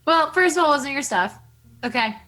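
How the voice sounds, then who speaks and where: A woman's voice: high voice, expressive, a little fast, sharp tone. A woman playing a tabletop game, trading casual banter in a blunt, needling way.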